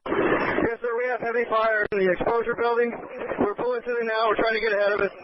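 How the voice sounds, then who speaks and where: A man's voice: very high-pitched, flat delivery, fairly quick. A man leading a firefighting crew, giving clipped, procedural status reports over a two-way radio. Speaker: firefighter attack group leader. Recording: very noisy, dull fireground radio transmission.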